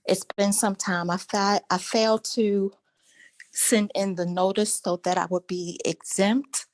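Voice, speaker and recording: A woman's voice: mid-range voice, steady tone, measured pace, no room sound. A woman calling in on a video call, out of breath from walking, asking her question politely and a little hesitantly. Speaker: caller.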